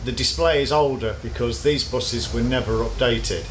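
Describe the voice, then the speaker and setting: A man's voice: medium pitch, moderate pace. A man giving a casual, explanatory vlog commentary from inside a parked bus. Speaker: bus enthusiast presenting a video. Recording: noisy vehicle ambience.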